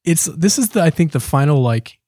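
A man's voice: on the high side, lively intonation, brisk, warm tone, no room sound. A man hosting a casual studio conversation, chatty and easygoing. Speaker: podcast host. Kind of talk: casual chat. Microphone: studio microphone.

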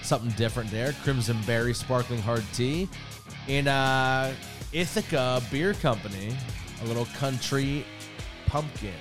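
A man's voice: mid-range voice, measured pace, over music. A man hosting a casual podcast, joking with friends and thanking sponsors as he wraps up. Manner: joking, lively, signs off the show. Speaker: podcast host.

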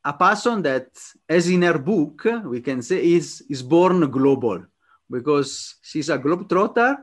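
Podcast host with a halting, eager manner. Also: male voice, fairly high pitch, lively intonation. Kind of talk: interview.

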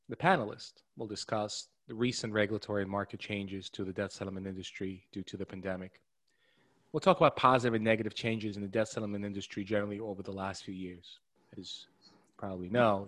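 A man's voice: fairly low pitch, brisk, no echo. A man moderating a webinar panel, upbeat and welcoming, with some fillers as he talks. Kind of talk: scripted-sounding webinar hosting.

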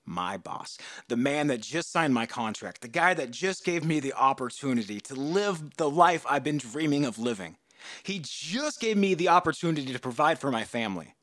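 A man in his thirties hosting a podcast, telling a story in a casual, animated way and jumping into loud, high voices for the people he quotes. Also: normal speed, dry recording, clean studio sound. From United States. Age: 30s. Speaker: podcast host.

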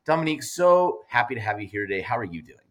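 A man's voice: medium pitch, big pitch swings, fast. A man hosting a podcast, enthusiastic and jokey, talking over a remote call. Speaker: podcast host. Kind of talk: energetic podcast intro and interview. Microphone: remote call recording.

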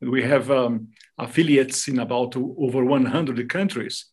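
A Brazilian man, a native Portuguese speaker with a Brazilian accent, appears as an interview guest explaining devotional topics. His voice is medium-pitched and husky, at a measured pace.

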